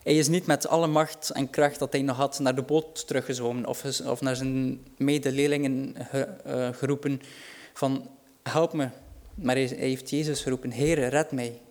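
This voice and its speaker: A man's voice: mid-range voice, little pitch movement, normal speed, hardly any pauses, darkish tone. A man preaching a sermon, earnest and reassuring, rising in volume for dramatic quotes.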